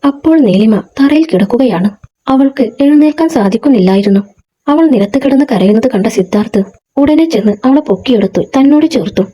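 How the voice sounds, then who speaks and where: A woman reading a serialized story aloud as narrator, calm and steady. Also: high voice, a little fast, husky, rough recording.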